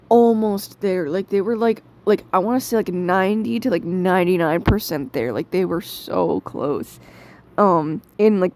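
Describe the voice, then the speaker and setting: A woman's voice: mid-range voice, darkish tone. A young woman hosting a casual video review, chatty and opinionated, full of filler words.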